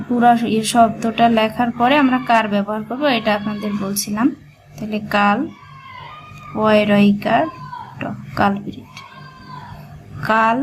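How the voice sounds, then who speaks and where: Slow, patient woman teaching shorthand. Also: medium pitch, slight background noise, poor audio. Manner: breaks words into syllables and repeats them patiently. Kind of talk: slow step-by-step dictation lesson.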